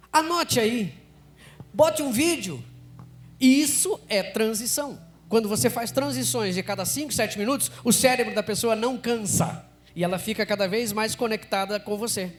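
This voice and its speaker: A Brazilian man teaching public speaking live to an event audience, energetic, constantly quizzing the room. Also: sits high.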